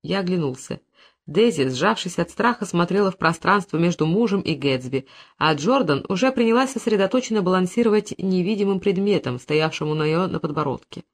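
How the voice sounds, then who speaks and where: An audiobook reader narrating a literary novel in a measured, dramatic way. The reading is steady and deliberate, with the tone following the story. Every line is read from a script. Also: mid-range voice.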